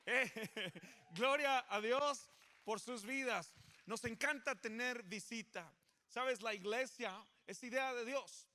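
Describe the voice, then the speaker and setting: A male pastor preaches to his congregation in a high, bright voice. He is animated and playful, coaxing the crowd into call-and-response and teasing them to stay awake. The sermon moves between encouragement and light jokes. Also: slow. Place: church service before a congregation.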